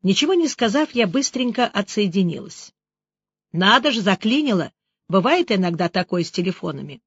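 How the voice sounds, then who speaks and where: A woman narrating a novel as an audiobook, voicing the dialogue with brisk, lively delivery. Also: mid-range voice, husky, dry recording, highs cut off. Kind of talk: audiobook reading with character voices.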